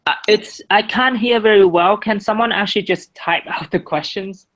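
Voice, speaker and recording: With a high, fairly bright voice at normal speed, a young student presents his project to classmates and then takes questions. Vietnamese is his first language. He's hesitant, often breaking off to restart sentences and leaning on fillers.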